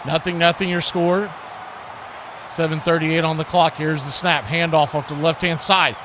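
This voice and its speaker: Here a radio play-by-play man covers a live football game, his voice on the high side and his pace moderate. He keeps it folksy, chatting to viewers between plays, and perks up excitedly on big plays. Clear background noise sits under his voice.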